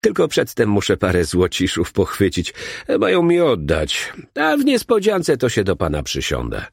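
A man's voice: lowish voice, huge pitch swings, normal speed, creaky, husky, dry recording, studio quality, heavily acted. A man voicing a thin, shabby, middle-aged male hustler who lisps and talks in a pushy, wheedling way. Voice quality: lisping.

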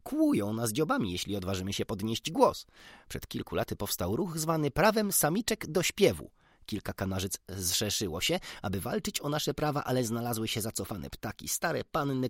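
A man voicing a proud, sharp-tongued female canary in an audiobook, speaking indignantly and briskly. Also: medium pitch, no echo, studio quality. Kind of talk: audiobook character reading.

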